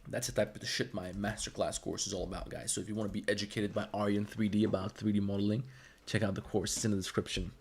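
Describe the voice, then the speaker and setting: A 3D artist and streamer with a Balkan accent and native Serbo-Croatian gives a livestream modeling tutorial, chatting with viewers bluntly, profanely, and rambling along. His voice is on the low side and level, quick with few pauses and vocal fry, over slight background noise.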